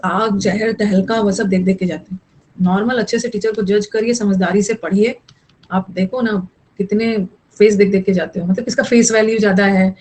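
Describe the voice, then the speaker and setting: A woman's voice: medium pitch, a little mellow, poor audio. A young woman teaching an online English grammar class, mixing explanation with chatty scolding asides to her students.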